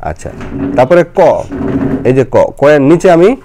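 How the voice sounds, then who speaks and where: Woman teacher, very deep, lively intonation, patient and coaxing. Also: a little slow. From Bangladesh. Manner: patient, coaxing, explains step by step. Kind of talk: children's lesson.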